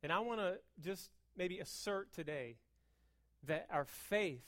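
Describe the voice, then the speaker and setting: In a casual sermon, an American woman talks fast and emphatically, conversational in tone, with repeated words and rhetorical questions. Her fairly low voice carries lively intonation.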